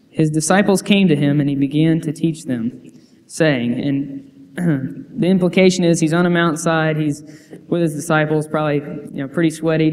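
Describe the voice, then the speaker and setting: A young adult man with a slightly high, darkish voice preaches in an echoing church sanctuary, the church hall reverb clear in the recording. He's a youth preacher giving a sermon with scripture reading, earnest in manner, reading quotes aloud and restarting often.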